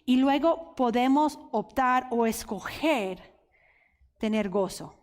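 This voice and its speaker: An earnest, openly emotional woman teaches the Bible at a women's conference. Her high voice moves at an unhurried pace. The sound rings with the long reverb of a large hall. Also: lively intonation. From United States. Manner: earnest, emotional, speaks directly to listeners. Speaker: women's workshop speaker.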